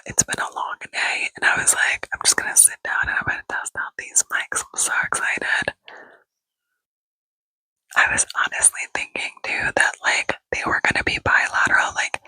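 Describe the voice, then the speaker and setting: The whisper here comes across bright and forceful, recorded without echo and in poor quality. An ASMR creator sits indoors and rambles chattily with many fillers, the microphone held close to the mouth.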